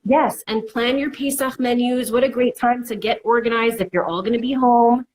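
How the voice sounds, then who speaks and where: A woman's voice: fairly high pitch, fairly even intonation, moderate pace, poor audio. A woman counselor giving casual, reassuring advice and acting out worried inner voices in quotes. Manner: reassuring, repeats "it's okay". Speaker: mental health counselor. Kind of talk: conversational advice.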